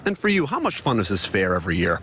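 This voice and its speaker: A man's voice: fairly low pitch, huge pitch swings, fast talker, a bit bright, a little hiss or hum. A man reporting live for a lifestyle TV show at an outdoor fair, joking playfully with the people he interviews. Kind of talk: live on-location TV segment.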